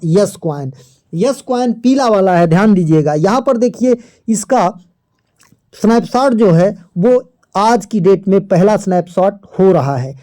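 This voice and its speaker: A host talks through an app tutorial over a screen recording. The voice sits at a middle pitch with a mellow, unforced tone. The delivery is steady and methodical, explaining each step and pointing things out as they appear.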